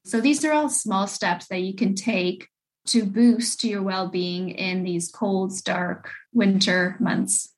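Encouraging woman expert, mid-pitched. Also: steady tone, takes it slowly, low-quality recording. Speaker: expert panel guest, researcher. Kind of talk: explanatory advice to listeners.

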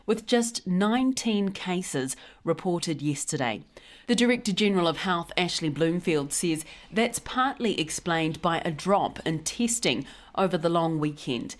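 A woman with a New Zealand accent hosting a news podcast, reading the headlines in a clear, measured way. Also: lowish voice.

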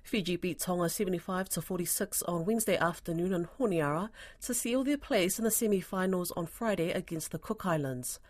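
Lower-pitched woman reading news. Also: brisk, hardly any pauses, a little mellow. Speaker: news presenter. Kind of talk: scripted news narration.

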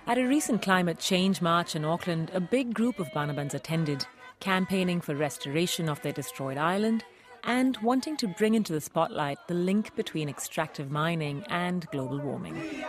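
A woman host reading a scripted radio documentary narration in a calm, clearly paced way. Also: on the low side.

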